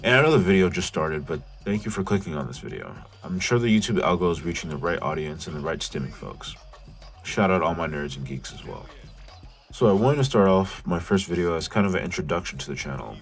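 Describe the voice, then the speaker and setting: A young man with a deep, nasal voice reads his own vlog script in a casual, self-mocking way. He now and then bursts into loud rants, with soft music playing underneath. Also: animated, a little fast, creaky, slightly rough. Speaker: YouTube channel host.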